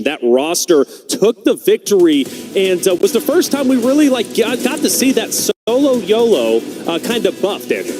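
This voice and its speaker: A man casting an esports tournament broadcast, energetic and hyping up the action. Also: medium pitch. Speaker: esports caster. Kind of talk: broadcast commentary.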